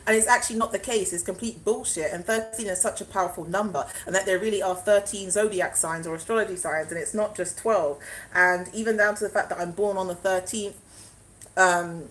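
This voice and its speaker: A woman's voice: mid-range voice, a little fast, fairly bright tone, low-quality recording. A young woman chatting casually on a live stream, rambling and answering viewer comments as they come in. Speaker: spiritual vlogger doing a live stream.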